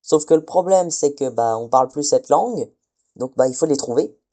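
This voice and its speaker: A man's voice: fairly high pitch, lively intonation, normal speed, warm tone. A man giving a casual spoken lesson, hesitant, often stumbling and correcting himself. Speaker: teacher.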